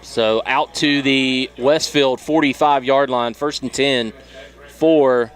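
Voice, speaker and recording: Man, southern us accent, high school football announcer, steady measured delivery, medium pitch. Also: soft background music. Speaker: play-by-play announcer.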